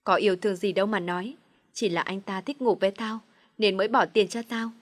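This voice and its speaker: A grieving young mother in an audio storybook, her pleading lines choked and unhurried, voiced by the woman narrating. The voice sits at an ordinary middle pitch for a woman. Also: fairly even intonation, no room sound, natural voice. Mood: resolute.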